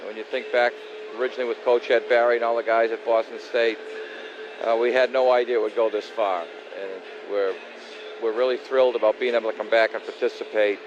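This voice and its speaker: A man's voice: medium pitch, fairly even intonation, brisk. An older man in his sixties answers interview questions casually. He is modest and plain-spoken, with a mid-range voice. The recording is slightly dull with faint noise behind it. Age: 60s. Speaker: former college hockey player, interview guest.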